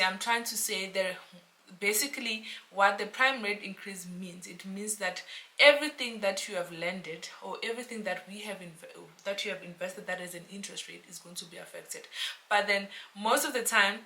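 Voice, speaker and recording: A South African woman, a real estate agent, chatting to camera in a casual explainer vlog, animated and talking to her viewers like friends. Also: mid-range voice, moderate pace. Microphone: camera mic, self-filmed.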